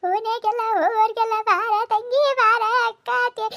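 A woman voicing a village neighbor woman who mourns a friend in drawn-out sing-song, with a North Karnataka Kannada accent. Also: extremely high pitch, steady tone, a bit bright. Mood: mourning. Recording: muffled lo-fi audio.

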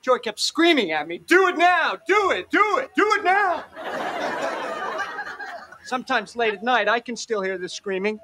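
A man's voice: high voice, a little fast, few pauses, close to an everyday voice. An actor playing Chandler, a wry, sarcastic young man. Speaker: sitcom character. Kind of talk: sitcom acting. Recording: noisy TV audio with laugh track.

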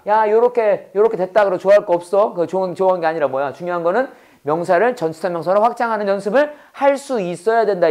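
A man teaching an English lesson in a loose, chatty classroom manner. He fires off quick questions, answers them himself, and repeats key words. The English phrases come out slow and carefully spaced. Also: sits high, a little mellow. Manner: reads English phrases slowly and deliberately. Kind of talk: casual classroom lecture.

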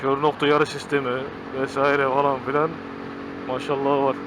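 A man's voice: medium pitch, little pitch movement, normal speed. A man from Turkey giving casual, slangy motovlog commentary from inside a helmet as he rides a motorcycle. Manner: colloquial, slangy, chatty. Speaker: motorcycle vlogger. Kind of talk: casual riding commentary to viewers. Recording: noisy helmet mic while riding outdoors.

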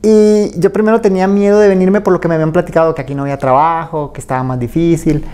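A Mexican man talks through his story in a mellow, easygoing voice. He rambles casually and leans on fillers. Now and then he acts out what others said to him. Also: a little high, fast, smooth. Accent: Mexican Spanish. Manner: relaxed and rambling, with many fillers and acted-out quotes. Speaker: tattoo artist, interview guest.

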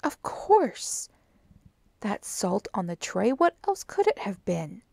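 A woman voicing an eager, self-assured gentleman companion in a storybook reading. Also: medium pitch, sing-song, a little slow, creaky, dry recording, exaggerated voice. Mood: earnest. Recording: dry close audiobook recording.

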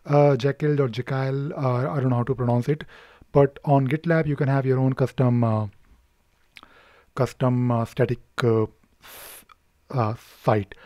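A man talking through a screen-recording tutorial unscripted, hesitant, pausing often on filler sounds and restarting his sentences as he works. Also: mid-range voice, steady tone, warm tone, dry recording. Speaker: tutorial presenter.

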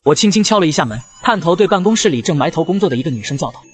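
Man narrating a novel, first person, fast pace, slightly high voice. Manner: steady, brisk reading.

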